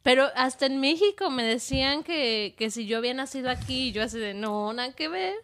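A woman's voice: high-pitched, fairly quick, a bit bright. A woman from Mexico chatting on a podcast, with a girlish, unusual way of speaking. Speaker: comedian guest. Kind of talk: casual podcast chat.

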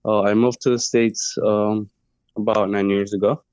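A young Colombian man whose first language is Spanish speaks as an interview guest, his low voice smooth but flat in tone. He searches for words and restarts often. The recording is dry and somewhat muffled. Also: moderate pace, no room sound. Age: 20s. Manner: hesitant, many fillers and restarts. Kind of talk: interview conversation.

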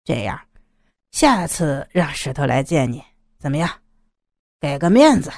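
A woman voicing a hot-tempered, scarred young male gang underling who talks in a placating or blustering way, with lively pitch in a dry recording. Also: a little slow, no echo, full character voice.

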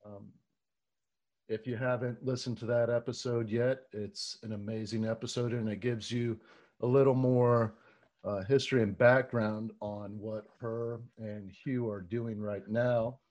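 A man hosting a podcast, reading a measured introduction and then asking questions with frequent ums and uhs. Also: medium pitch, fairly even intonation, a little mellow. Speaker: podcast host. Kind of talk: scripted intro then casual interview.

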